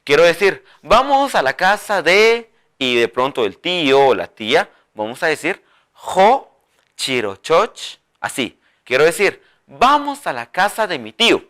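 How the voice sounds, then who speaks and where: A man teaching a televised language lesson, coaxing viewers to repeat each word and drawing out new terms slowly. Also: fairly high pitch, sing-song, a bit bright. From Guatemala.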